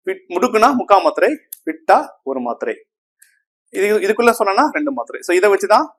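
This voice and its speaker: A man's voice: high voice, a bit bright. A man teaching a Tamil grammar class, repeating key terms and often asking the students if they follow. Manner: asks the class frequent checking questions; repeats terms and counts on fingers.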